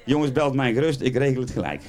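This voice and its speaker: A man spins a comic carnival monologue. He rambles from one anecdote to the next and talks straight to the audience. His voice sits at an ordinary middle pitch for a man. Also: lively intonation, fast talker, a little mellow. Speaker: carnival comedian.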